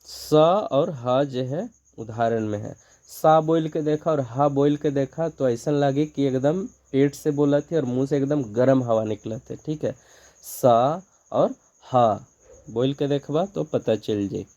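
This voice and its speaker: A man with a Nagpuri accent teaches an exam-prep lesson in a slightly high, mellow voice. He poses questions and then answers them himself, one step at a time. The recording sounds dull and lo-fi. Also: a little slow. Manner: explains step by step, asks and answers his own questions.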